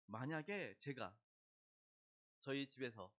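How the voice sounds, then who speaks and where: A man's voice: mid-range voice, lively intonation, takes it slowly, fairly bright tone, highs cut off. A middle-aged man preaching a sermon in a church, telling stories, acting out the voices in them and asking the congregation questions. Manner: storytelling, acting out voices in quoted dialogue. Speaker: pastor. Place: church sanctuary.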